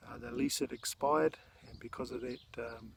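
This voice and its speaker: Man, Māori New Zealand accent, middle-aged, casual vlog talk, hesitant, medium pitch, noisy rural outdoor recording. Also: steady tone. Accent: New Zealand Māori English. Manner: unhurried, hesitant, switches between English and te reo Māori. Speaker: vlogger showing family land. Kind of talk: casual walk-around vlog. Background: clear outdoor noise, birds.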